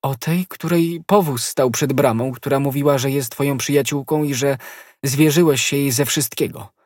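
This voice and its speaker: A man's voice: medium pitch, moderate pace, a little mellow, slightly rough, dry recording, studio quality, voice pushed up, natural voice. A man voicing a loving, frightened young woman who is dying of poison, with a breathless, pleading delivery. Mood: anxious.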